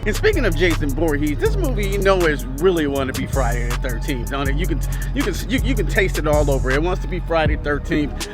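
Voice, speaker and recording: A man's voice: a little high, big pitch swings, fairly quick, over music. An American man giving a casual vlog-style movie review in a slangy, profane way.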